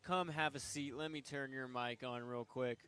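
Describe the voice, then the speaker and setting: A man's voice: medium pitch, steady tone, moderate pace, a bit bright, smooth. A young man casually commentating a poker game on a stream, joking and rambling with fillers.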